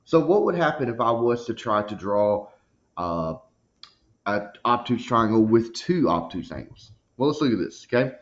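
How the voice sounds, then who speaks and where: A man's voice: mid-range voice, very animated, normal speed. A man teaching a recorded math lesson, walking through each step and checking in with a frequent "okay?". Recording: dull lo-fi recording.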